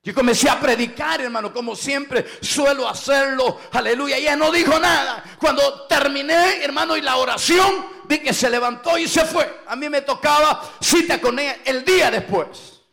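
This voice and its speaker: High gravelly shouting Pentecostal pastor. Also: male voice, moderate pace, hardly any pauses. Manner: shouting preacher punctuating with "aleluya" and "hermano". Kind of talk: Pentecostal sermon.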